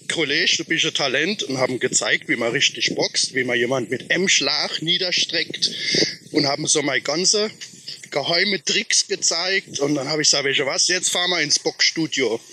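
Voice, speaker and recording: A man's voice: a little high, pushed and bright, slight background noise. A middle-aged man, telling a story in a chatty, folksy way as podcast host. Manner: chatty, folksy, dialect-laced. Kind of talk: casual spoken storytelling.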